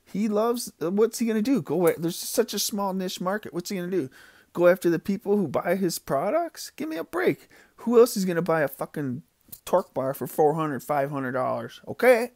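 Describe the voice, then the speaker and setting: A man's voice: sits high, moderate pace, a little mellow, no echo, studio quality. A man chatting casually in a rambling, gossipy, profane way full of fillers, as he reviews fidget spinners. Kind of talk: casual rambling vlog chat.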